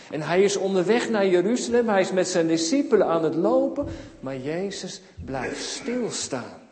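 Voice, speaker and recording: A man gives a children's sermon in a church, telling the story and acting out the cries of the people in it. His voice sits high for a man, and he keeps turning to the children with questions. The sound rings through a large, echoey hall with a long reverb tail. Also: darkish tone. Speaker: preacher.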